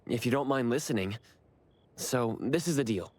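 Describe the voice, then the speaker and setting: Playing a shy, courteous young man in an anime game, this actor speaks with earnest politeness, holding back and hesitating. His medium-pitched voice has lively intonation and a moderate pace, slightly mellow and close to how he'd normally talk.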